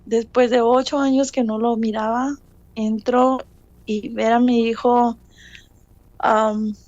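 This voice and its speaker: Middle-aged woman, earnest testimony teller, slightly high voice, muffled dry sound. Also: level tone, takes it slowly, darkish tone, no room sound. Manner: earnest storytelling, repeats phrases for emphasis. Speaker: churchgoer giving testimony. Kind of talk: personal faith testimony.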